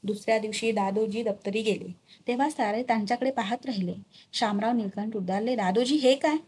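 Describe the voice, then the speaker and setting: Female storybook narrator, measured and dramatic, husky tone. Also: mid-range voice, steady tone, darkish tone. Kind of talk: storybook reading of a historical novel.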